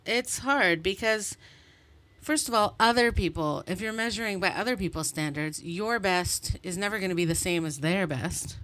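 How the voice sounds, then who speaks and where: A woman's voice: medium pitch, normal speed, fairly bright tone. A woman in her thirties from Montreal hosting her own podcast, talking alone in a chatty, rambling, self-deprecating way. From Montreal, Canada. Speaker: podcast host. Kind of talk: solo podcast monologue. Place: bedroom at home.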